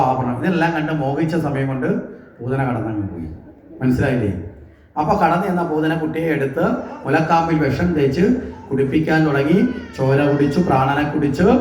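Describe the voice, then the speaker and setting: A man's voice: mid-range voice, darkish tone, roomy sound, a little hiss or hum. A man giving a devotional scripture discourse at a temple, often asking the listeners questions and answering them himself. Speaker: religious discourse speaker. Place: temple hall.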